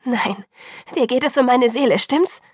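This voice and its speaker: A woman's voice: a little high, normal speed, vocal fry, slightly rough, dry recording, clean studio sound. A woman reading an audiobook, voicing a desperate young woman who pleads in a raised, rising voice. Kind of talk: audiobook character voice.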